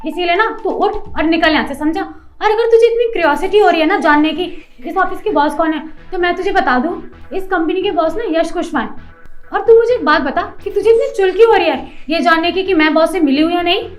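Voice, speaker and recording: A woman's voice: extremely high pitch, fairly quick, soft background music. A woman playing a rude, haughty office manager in a short skit, talking down and scolding. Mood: scornful. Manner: scolding, bossy, condescending.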